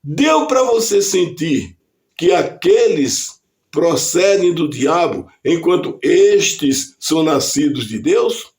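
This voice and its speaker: A man with a Brazilian accent delivering a scripted devotional reflection as a preacher, reading scripture aloud in a deliberate, measured way. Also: a little high, animated, darkish tone. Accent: Brazilian Portuguese.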